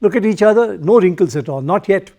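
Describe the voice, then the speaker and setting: A male English teacher with an Indian English accent, giving a recorded lesson to schoolchildren, slow and repetitive, speaking to the pupils directly. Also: sits high, lively intonation, mellow.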